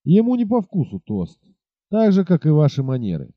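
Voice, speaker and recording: Guy doing a proud scornful rider, slow mocking tone, voice a bit high, dry muffled recording. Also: wildly swooping pitch, no room sound. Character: proud mysterious male horseman, calm and scornful. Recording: dull lo-fi recording.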